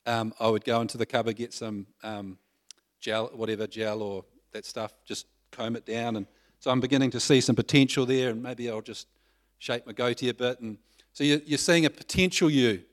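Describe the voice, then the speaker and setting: A middle-aged man delivers a relaxed, conversational sermon in a medium-pitched voice. He keeps asking the congregation rhetorical questions and pokes fun at himself along the way. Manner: self-deprecating humor. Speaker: pastor.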